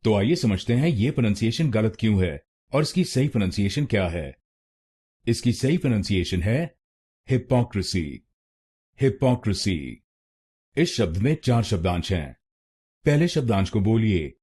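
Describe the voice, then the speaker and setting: A man with an Indian accent giving a scripted pronunciation lesson, saying each syllable slowly and twice. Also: on the low side, animated, mellow, breathy edge. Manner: slow, deliberate, repeats each syllable twice. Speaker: pronunciation teacher.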